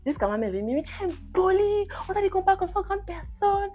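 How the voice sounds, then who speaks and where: A woman voicing her strict older mother, scolding in a raised, high-pitched voice. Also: big pitch swings, a little fast, warm tone, faint music behind.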